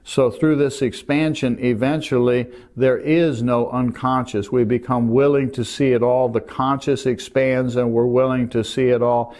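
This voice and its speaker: An older man teaching meditation, explaining calmly and gently while pointing to a diagram. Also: medium pitch, normal speed, few pauses. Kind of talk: calm spoken lesson.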